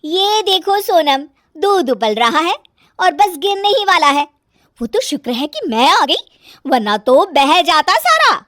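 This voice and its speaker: A woman voicing a fussy, bossy young wife who nags in a shrill, scolding voice. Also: sing-song, slow, fairly bright tone, no room sound, clean studio sound, exaggerated voice. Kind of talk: cartoon story voice acting.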